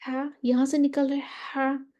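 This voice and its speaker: A woman's voice: fairly high pitch, moderate pace, mellow. A woman teaching Quran recitation in an online lesson, explaining patiently step by step over a diagram and mixing in English terms.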